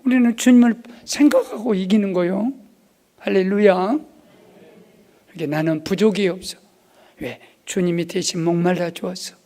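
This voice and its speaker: A man preaching a revival sermon in a church, dropping to hushed asides and rising to loud exclamations. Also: high voice, normal speed, long pauses. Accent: Korean. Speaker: pastor. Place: church sanctuary.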